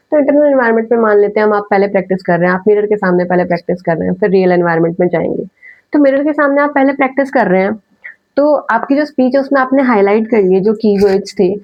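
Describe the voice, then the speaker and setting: A woman teaching verbal communication in casual mixed Hindi and English, who talks fast and leans on key words for emphasis. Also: on the high side. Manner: naturally fast talker. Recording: dull lo-fi recording.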